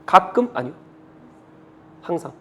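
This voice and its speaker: A middle-aged male pastor preaching a sermon, reading scripture slowly and asking the congregation one rhetorical question after another. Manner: reads scripture slowly, then explains.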